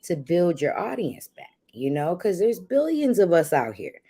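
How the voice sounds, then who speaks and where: A woman's voice: on the low side, sing-song, a little slow, warm tone. A woman co-hosting a livestream, talking casually in a motivational way. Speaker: livestream co-host, content creator.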